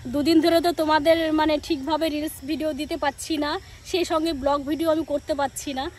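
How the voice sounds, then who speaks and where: Village woman vlogging on her phone walking home, high voice, sore throat and cough, chatty, faint crickets around. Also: fairly even intonation, fairly quick, slight background noise. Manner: chatty, speaks straight to viewers and acts out family dialogue. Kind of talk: casual chat to viewers while walking.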